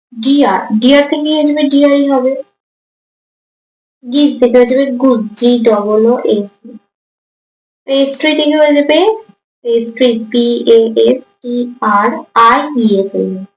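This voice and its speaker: Slow-spelling woman teacher, echoey room. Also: high-pitched, lo-fi sound. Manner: spells answers out letter by letter; reads English prompts slowly, then explains in Bengali. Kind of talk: exam answer walkthrough lesson.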